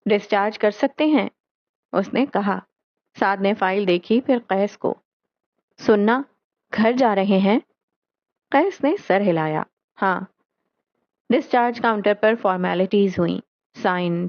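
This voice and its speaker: A woman narrates a novel in slow, measured storytelling, giving the quoted dialogue a calm voice. The sound is dry and close, with no room around it. The tone is a little dull, like a modest home recording. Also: medium pitch, no room sound. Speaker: audiobook narrator.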